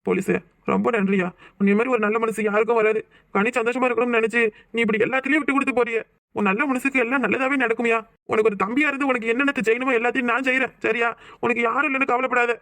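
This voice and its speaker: A man voicing a hot-headed young village husband in a cartoon who talks quickly and emotionally, pleading and apologizing. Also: very high voice, steady tone, pushed and bright, no echo, heavily acted. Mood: grateful. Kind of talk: cartoon voice acting.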